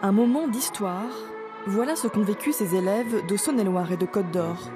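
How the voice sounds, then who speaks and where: A woman's voice: mid-range voice, moderate pace. Woman narrating a news report over music.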